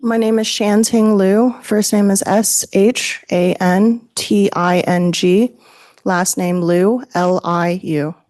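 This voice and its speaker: A woman's voice: mid-range voice, steady tone, slow, darkish tone, no echo. Woman witness answering plainly, dry mic. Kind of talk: courtroom testimony.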